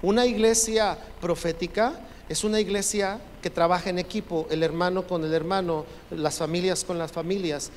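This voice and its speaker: A pastor preaches a sermon in a church sanctuary, speaking emphatically and urging the congregation to repeat his phrases. His voice sits high with a steady tone, moderate pace and hardly any pauses. The recording carries long church-hall reverb and faint noise.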